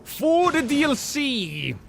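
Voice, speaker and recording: Very high, sing-song, and slow, this man's voice is creaky and a bit bright, with a little hiss or hum. He's a Norwegian with a slightly British-tinged accent, casually chatting through a game stream, reading chat, self-deprecating, and often restarting sentences.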